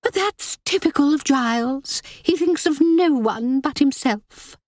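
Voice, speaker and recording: A woman's voice: animated, unhurried, darkish tone, dry recording, studio quality. A woman voicing a tactless, scolding aristocratic lady in a storybook reading. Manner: shrill, scolding, sulky. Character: tactless nagging aristocratic middle-aged woman.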